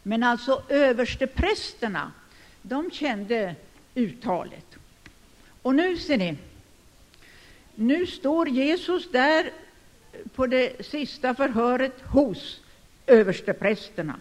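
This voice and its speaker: An older man preaching a sermon, speaking emphatically and rising to sudden loud declarations. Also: very high voice, lively intonation, pauses often. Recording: long hall reverb.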